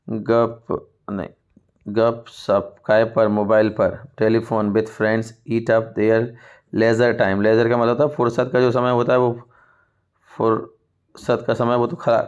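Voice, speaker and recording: A man with an Indian accent teaching English for an exam. He reads English passages aloud slowly and explains them in Hindi. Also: fairly low pitch, level tone, a little mellow. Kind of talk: exam-prep lesson. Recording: dull lo-fi sound.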